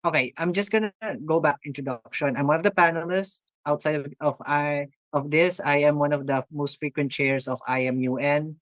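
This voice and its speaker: Guy chairing an online debate, kinda halting, keeps restarting, dry close sound. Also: fairly high pitch, fairly even intonation, a bit bright, dry recording. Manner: halting, restarts his sentences. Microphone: video call.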